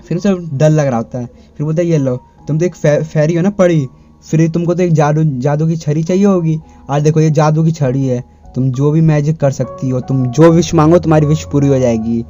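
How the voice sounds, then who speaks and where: Man, casual anime story recap, rambling, many restarts, mellow voice, faint music underneath. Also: on the high side. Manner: rambling, strings events together with frequent restarts. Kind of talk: casual spoken retelling of an anime episode. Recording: dull lo-fi recording.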